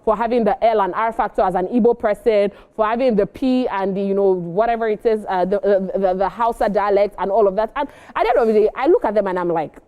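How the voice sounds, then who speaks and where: A woman with a Nigerian accent presents entertainment news and offers casual commentary. Her mid-range voice is expressive and emphatic, and she talks fast with few pauses.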